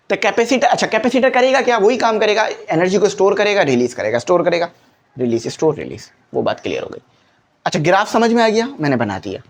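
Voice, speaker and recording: A man teaches physics for an entrance exam, his voice rising and falling in a lively way. He breaks each idea into small steps and keeps asking quiz questions. He repeats the main points so they stick. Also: high voice. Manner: explains step by step, repeats key points, asks quiz questions. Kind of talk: exam-prep lecture.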